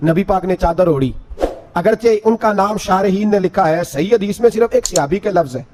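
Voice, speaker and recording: A man delivering an emotional sermon, his voice sitting high for a male speaker. He swings from soft storytelling to fervent peaks. Now and then he slides into melodic sung couplets. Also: slight background noise. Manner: impassioned, rising and falling delivery that breaks into sung verse. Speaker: preacher.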